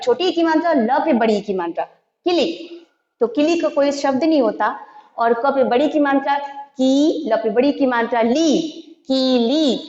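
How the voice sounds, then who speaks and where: A woman teacher with a slightly high voice talks very slowly and patiently to young pupils, spelling out each syllable. Her voice rings with a long echo in a roomy space. The recording is dull and lo-fi. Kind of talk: Hindi alphabet lesson for young children. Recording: echoey room, dull lo-fi sound.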